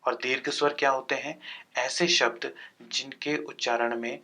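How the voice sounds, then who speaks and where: A man's voice: mid-range voice, fairly even intonation, unhurried, pushed and bright. A male teacher giving an exam-prep grammar lesson, sounding out letters one by one and answering his own questions.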